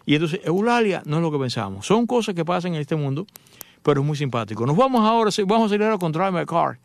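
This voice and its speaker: A man's voice: a little high, big pitch swings, fast, gravelly, no echo. A middle-aged man, a motoring journalist hosting a radio show and telling joking anecdotes to his listeners. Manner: joking, chatty storyteller addressing listeners. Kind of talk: casual radio talk with anecdotes.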